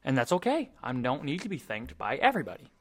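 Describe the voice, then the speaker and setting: A man's voice: medium pitch, wildly swooping pitch, fast, breathy edge. A man talking earnestly and a little ramblingly in a casual faith discussion, co-hosting a Bible talk.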